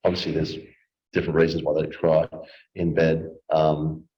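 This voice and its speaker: Very deep-voiced man in a roomy sound. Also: flat delivery, moderate pace, a little hiss or hum. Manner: rambling, restarts, anecdotal. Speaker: podcast host. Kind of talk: casual chat. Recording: roomy, slightly dull sound.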